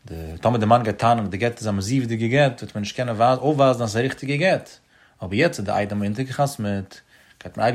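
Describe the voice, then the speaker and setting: A man leads a Talmud study lesson, rattling through the text at a brisk clip. His voice sits at an ordinary middle pitch but swings up and down in a sing-song study cadence. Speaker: religious teacher.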